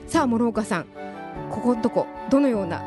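Woman, radio host, polite, attentive, slightly high voice, faint background music. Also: animated, fairly quick. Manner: polite, attentive, laughs easily. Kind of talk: radio talk show chat.

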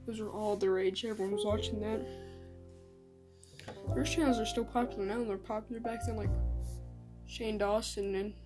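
A woman's voice: medium pitch, fairly even intonation, moderate pace, pauses often, music in the background. A woman talking casually and self-deprecatingly in a rambling solo podcast, recorded in a small home bathroom. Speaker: podcast host.

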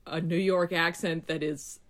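A woman's voice: lowish voice, little pitch movement, unhurried, a little hiss or hum. A woman co-hosting a casual podcast chat, wry and hesitant, giving frank opinions. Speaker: podcast co-host.

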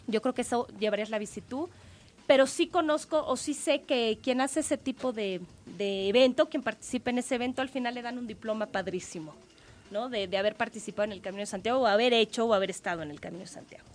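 Mexican lady guest on radio, kinda high voice, upbeat and cheering people on. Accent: Mexican Spanish. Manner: upbeat, encouraging, quick bursts. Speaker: radio guest, cyclist and triathlete. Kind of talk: casual radio interview.

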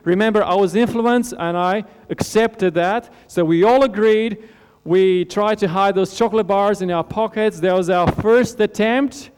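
This sermon comes from a Romanian man, a pastor with a clear, resonant tone who asks earnest rhetorical questions and lets phrase endings fall low and gentle. The sound carries long hall reverb plus mains hum.

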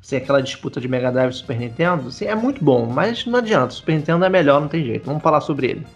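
A man's voice: fairly high pitch, very animated, rapid-fire, soft background music. A man with a Brazilian Portuguese accent chatting casually as a podcast guest. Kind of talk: casual chat.

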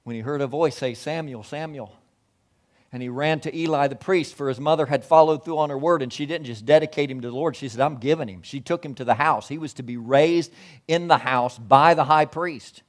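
A man in his sixties preaching a sermon, telling Bible stories, acting out the voices and rising loud at the high points. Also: a little fast. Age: 60s. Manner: storytelling preacher who acts out voices and swells loud at climaxes. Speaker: pastor.

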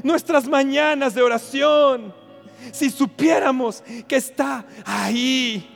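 A man preaching a fervent sermon at a conference, repeating phrases and bursting into shouts. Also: very high voice, slow, gravelly. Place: large hall at a conference. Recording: reverberant hall with background music.

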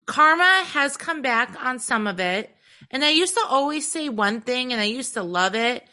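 A woman's voice: fairly high pitch, sharp tone. A woman co-hosting a podcast, talking candidly in casual chat, swearing freely and leaning on fillers like "like" and "um". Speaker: podcast co-host.

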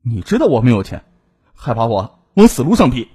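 A man's voice: medium pitch, sing-song, brisk, dark tone, husky. A man doing a stammering cornered young scholar. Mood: resentful. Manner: stammering, pleading. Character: cornered young male scholar, flustered and cowardly.

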